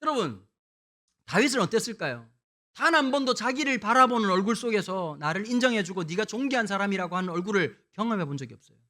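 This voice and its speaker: A middle-aged man from Busan, preaching a lively revival sermon with humorous storytelling, swinging between hushed and loud. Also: high-pitched, quick pace. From Busan, South Korea. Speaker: guest pastor.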